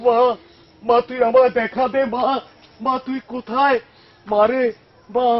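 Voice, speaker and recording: A man's voice: very high voice, flat delivery, unhurried. An actor playing a wild, fervent ascetic holy man in a devotional film, blunt with his followers and crying out to the divine Mother. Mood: longing, crying out. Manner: gruff and blunt with followers, pleading cries to the Mother. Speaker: wandering ascetic saint. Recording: dull lo-fi film soundtrack with music.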